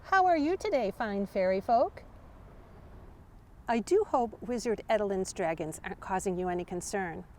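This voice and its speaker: A woman's voice: mid-range voice, expressive, moderate pace, warm tone, a little hiss or hum, lightly acted. A woman playing a courtly olde-worlde lady who speaks in grand, archaic, sing-song rhymes. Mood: whimsical.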